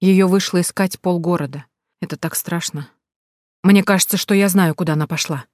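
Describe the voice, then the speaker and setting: A worried young woman friend, as a woman puts her on, speaking sadly and sighing, her voice on the low side. It sounds dry and close. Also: moderate pace, a little mellow, dry recording, close to an everyday voice. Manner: sad, sighing.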